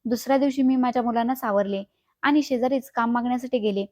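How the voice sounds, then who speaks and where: A woman's voice: on the high side, fast talker, a little mellow, no room sound, studio quality. A woman telling an emotional first-person story in an earnest, sorrowful narration.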